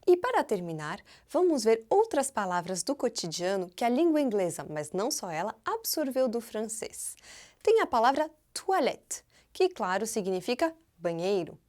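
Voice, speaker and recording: Woman, language teacher on video. Higher voice with a lot of melody. Chatty, clear pronunciation demos. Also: normal speed. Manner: clear, careful demonstrations of pronunciation; lively and chatty, asks the viewer questions. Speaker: French teacher. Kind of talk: online language lesson.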